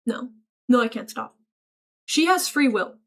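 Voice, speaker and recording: A woman's voice: fairly high pitch, animated, measured pace, a bit bright. A young woman streaming, reading chat aloud and joking back in a playful, mock-serious way. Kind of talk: casual livestream chat.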